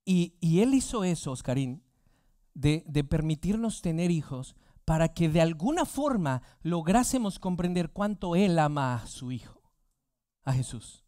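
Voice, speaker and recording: A man's voice: fairly high pitch, big pitch swings, measured pace, mellow, no room sound, clean studio sound. A man preaching a sermon as pastor, asking the congregation rhetorical questions.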